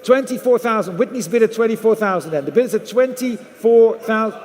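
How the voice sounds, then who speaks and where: High-voiced male auctioneer in an echoing hall. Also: animated, fairly quick, darkish tone, slight background noise. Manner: repetitive calling of numbers and bids. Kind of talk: live auction bid-calling. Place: large auction room. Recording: echoey hall through PA.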